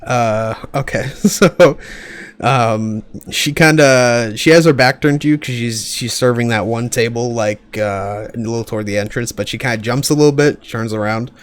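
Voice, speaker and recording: A man's voice: mid-range voice, moderate pace. A man working as game master, improvising casual narration and joking with the players in a laid-back way.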